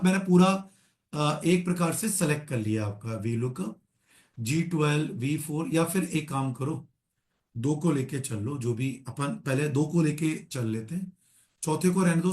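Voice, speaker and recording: A man's voice: fairly high pitch, darkish tone, echoey room. A man teaching a live online Excel class, often calling his students "beta" and checking that they follow.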